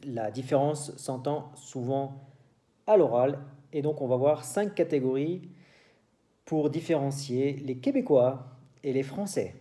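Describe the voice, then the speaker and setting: A man from France with a French accent, teaching a French lesson to Spanish speakers in a slow, explanatory way and switching between French and Spanish. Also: mid-range voice, mellow.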